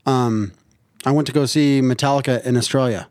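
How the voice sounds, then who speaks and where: A man guesting on a podcast, telling stories in an animated, jokey way with plenty of swearing. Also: mid-range voice, brisk, no echo, studio quality. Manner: animated, profane, jokey storyteller. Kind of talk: casual storytelling.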